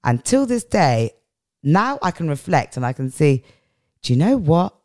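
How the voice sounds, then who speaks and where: A middle-aged woman from England, appearing as a podcast guest, tells reflective personal stories in an interview and repeats phrases for emphasis. Her strong, powerful voice is low-pitched and sing-song, moving at a moderate pace with a darkish tone. The recording is clean studio sound with no room sound.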